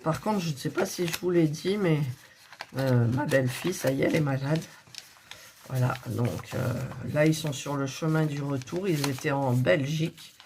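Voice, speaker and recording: A middle-aged woman, hoarse and recovering from a cough, chatting softly and thinking aloud as she unboxes cross-stitch kits. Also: low-pitched, moderate pace, noisy background. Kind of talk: casual unboxing chat.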